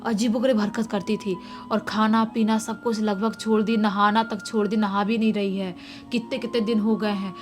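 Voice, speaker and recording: A woman casually retelling a subscriber's horror story in a lively way, acting out the shouted quotes. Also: medium pitch, moderate pace. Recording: faint music underneath.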